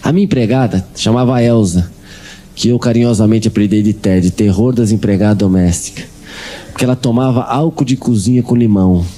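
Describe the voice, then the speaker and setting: A man's voice: fairly low pitch, brisk. A man giving a humorous testimony in church, telling a story with energy and acting out the voices of the people in it. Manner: animated storyteller, acting out quoted dialogue.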